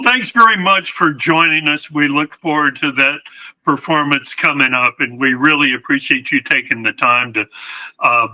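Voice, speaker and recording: A male interviewer with a very bright, sharp-edged voice set a little high. He is appreciative and laughs easily, and he wraps things up in a friendly host manner. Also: rough recording. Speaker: newspaper editor and interviewer.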